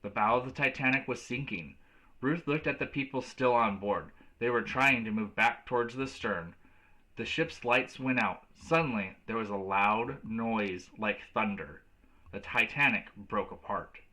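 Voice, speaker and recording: A man reading a children's storybook aloud as a teacher, in a clear storytelling delivery. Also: medium pitch, measured pace, pushed and bright, poor audio.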